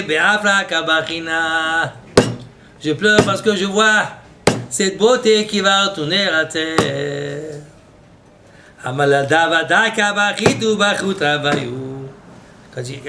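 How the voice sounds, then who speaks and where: A man giving a Torah lesson as a rabbi, telling stories and quoting Hebrew and Aramaic texts. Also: on the high side. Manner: storytelling with Hebrew and Aramaic quotes, animated. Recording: noisy recording.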